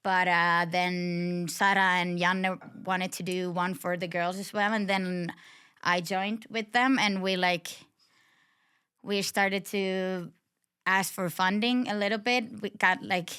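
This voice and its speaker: A woman's voice: fairly low pitch, slow, clear, resonant tone. A young woman from Finland, a guest on a podcast, chatting casually with lots of fillers. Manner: relaxed, uses filler "like" often. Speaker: guest snowboarder.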